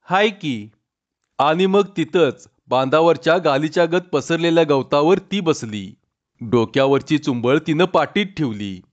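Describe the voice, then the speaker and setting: A male storyteller narrates a village tale at an even, measured pace. His voice sits a bit high for a man, and the audio is slightly dull and lo-fi. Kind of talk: rural story reading.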